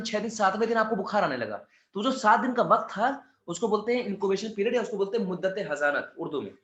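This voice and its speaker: A man's voice: sits high, a bit bright, echoey room. A male biology teacher giving a chatty exam-prep lecture with words, asking his students' questions in his own voice.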